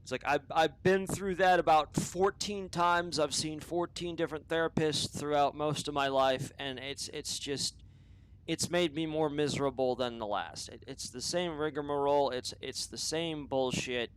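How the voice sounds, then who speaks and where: A fairly high, smooth male voice speaks at a moderate pace over poor audio. The speaker, a podcast host, delivers unscripted opinions as a profane, rambling monologue that keeps restarting and sliding into tangents.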